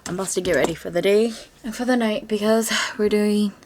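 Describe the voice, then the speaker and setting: A young adult woman vlogging in a casual, gushing style, full of slang and excited asides. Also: medium pitch, brisk, a little hiss or hum. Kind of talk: casual vlog chat.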